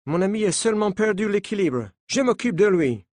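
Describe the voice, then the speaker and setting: A man putting on a pushy American coach, high and insistent. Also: expressive, fairly quick, darkish tone, no room sound, studio quality. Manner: insistent, reassuring, talks over others. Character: brash male American sports coach.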